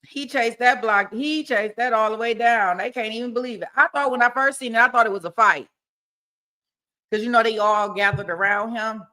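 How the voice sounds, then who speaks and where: Bright-voiced woman chatting casually on a livestream. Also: on the high side, moderate pace. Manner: colloquial, informal, folksy phrasing. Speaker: livestream host. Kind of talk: casual chat with viewers.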